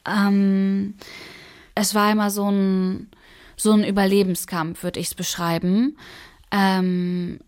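A woman playing a halting young activist of twenty. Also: mid-range voice, darkish tone, lightly acted. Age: 20s. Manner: halting, many fillers, searching for words. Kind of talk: verbatim radio play acting.

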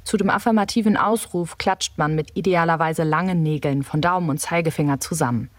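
A woman reporter reading a scripted radio feature in a measured, explanatory way. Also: low voice, dry recording.

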